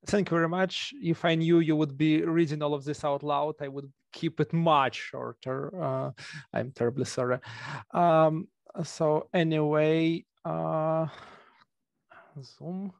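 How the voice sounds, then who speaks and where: A man in his thirties with a thick Russian accent, giving an academic presentation haltingly over a video call. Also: on the high side, steady tone, vocal fry, no room sound. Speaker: conference presenter, academic researcher. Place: home room with bookshelves. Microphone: headset on a video call.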